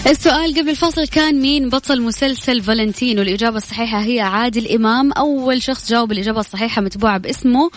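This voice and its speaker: A woman's voice: a little high, very fast, hardly any pauses, faint music behind. A woman with a Saudi Hejazi accent hosting a live radio quiz, chatty and congratulatory as she announces questions, winners and prizes. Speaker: radio quiz show host. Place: radio studio with music behind.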